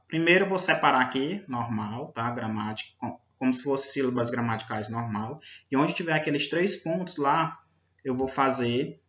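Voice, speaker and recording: Patient teacher, echoey and dull. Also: male voice, mid-range voice, fairly bright tone. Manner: patient, checks in with frequent "tá?". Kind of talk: slide lecture. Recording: echoey room, dull lo-fi sound.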